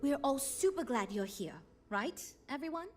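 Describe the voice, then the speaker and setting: An actress voicing a weary but earnest starship designer in a video game, speaking in a dry, wry, patient way. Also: female voice, high-pitched, expressive, moderate pace, faint music behind. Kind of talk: video game character dialogue.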